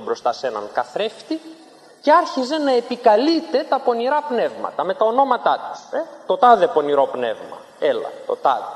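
A male preacher delivers a sermon in a long, echoing church hall. His voice sits high and swings widely as he tells a story, dramatically acting out the lines of its characters.

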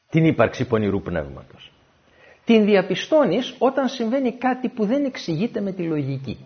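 A man preaching a sermon, telling personal stories and acting out the dialogue. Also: a little high. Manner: animated storytelling, acts out dialogue. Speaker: pastor. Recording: dull lo-fi recording.

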